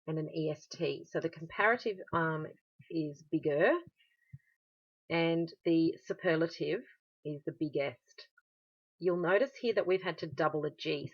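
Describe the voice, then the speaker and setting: Australian female language teacher, low-pitched voice, patient explainer, recorded lesson on a dull lo-fi recording. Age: adult. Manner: patient, explanatory, with frequent "um" fillers. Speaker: German teacher.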